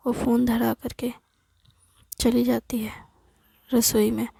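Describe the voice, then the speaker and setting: A woman storyteller narrating in a hushed, unhurried whispered role-play. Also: fairly high pitch, flat delivery, creaky, husky, no echo.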